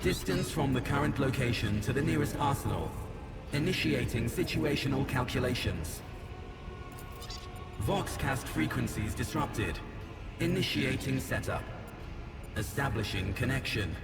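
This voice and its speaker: An actor playing a cold, formal male machine guardian in a video game, with a booming metallic robot voice reporting in flat, clipped protocol lines. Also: unhurried, creaky, long pauses. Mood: clinical. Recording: echoey hall, far off, loud game music.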